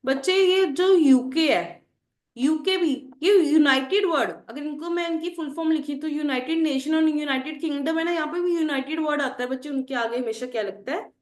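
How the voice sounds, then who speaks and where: Female teacher, high voice, roomy echo; quizzes the class and answers her own questions. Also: normal speed. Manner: asks the class questions and answers them herself; addresses students as children. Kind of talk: explaining English grammar to students.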